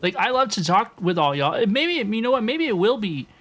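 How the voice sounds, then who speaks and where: Her medium-pitched voice swings widely in pitch at a moderate pace as this young woman streams a game, chatting casually with viewers. She repeats phrases often, and music plays behind her live-stream commentary.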